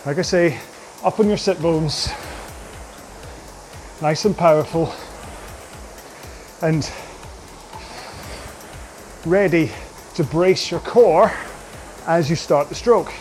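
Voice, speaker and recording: A man coaching an indoor rowing workout, giving slow, measured cues about posture and pace. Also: a little high, a little mellow, soft background music.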